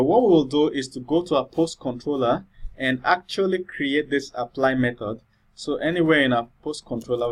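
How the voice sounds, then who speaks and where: A man giving a screen-recorded coding tutorial, thinking aloud with many fillers and checking in with "all right?". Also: mid-range voice.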